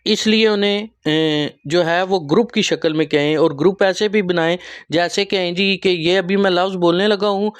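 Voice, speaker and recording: A man with a Pakistani Urdu accent explaining teacher training material in a patient, step-by-step way, pausing often. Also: sits high, steady tone, smooth. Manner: explanatory, with frequent pauses and fillers. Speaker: teacher trainer and channel host.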